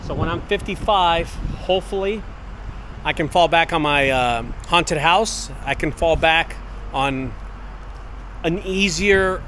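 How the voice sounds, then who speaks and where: A man in his late forties gives a casual walk-and-talk vlog through an empty warehouse and out in the open air. His voice sits slightly high, and he speaks earnestly, circling back to the same points. Faint outdoor noise runs behind him. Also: fairly bright tone. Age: 40s. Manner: earnest, repetitive motivational pep talk. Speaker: business owner vlogger. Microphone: wireless earbud mic, handheld camera.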